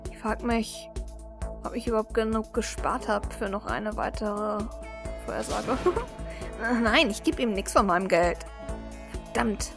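A woman's voice: medium pitch, fairly even intonation, measured pace, long pauses, music in the background. Giggly woman reading game narration. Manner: giggly, reads the hero's narration in first person. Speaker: let's play gamer. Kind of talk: reading game text and commenting.

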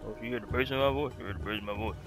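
A young man streaming a video game, commenting casually in an animated, joking, profane way. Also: medium pitch, very fast, music in the background.

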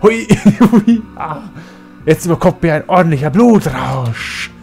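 A man voicing a ravenous game character with a wild beast stirring inside him, in a low, groaning voice. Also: lively intonation, measured pace, faint music behind, natural voice. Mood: bloodthirsty.

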